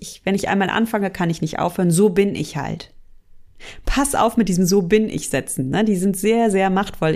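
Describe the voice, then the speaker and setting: Gentle woman coaching the listener. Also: medium pitch. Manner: gentle, speaks directly to the listener; acts out inner voices with sighs. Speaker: mindful eating coach. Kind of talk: coaching podcast monologue.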